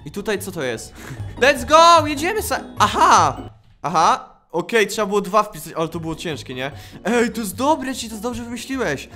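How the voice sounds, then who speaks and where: A man giving excitable, playful gameplay commentary as a gaming YouTuber, often shouting out. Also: sits high, moderate pace, faint music behind.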